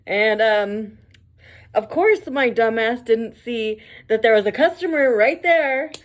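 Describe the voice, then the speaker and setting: A woman's voice: on the high side, takes it slowly. A woman who works as a mail carrier, telling casual stories for her vlog, swearing, laughing often and acting out the voices of the people she quotes.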